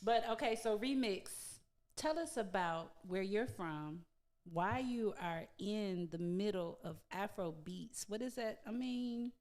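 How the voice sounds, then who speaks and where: A woman's voice: mid-range voice, expressive, takes it slowly, a little mellow. Brief: woman, radio host, mid-range voice, fires off short prompting questions. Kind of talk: casual radio interview.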